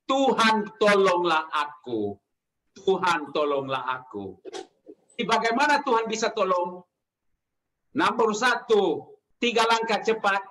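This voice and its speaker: A male preacher delivering a sermon, speaking slowly and emphatically and addressing the congregation directly. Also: high-pitched, pushed and bright, poor audio.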